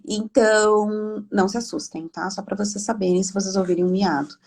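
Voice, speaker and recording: A woman, a speech therapist speaking from home on a video call in a live online talk, explaining in a chatty, animated way. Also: mid-range voice, brisk, gravelly, breathy edge.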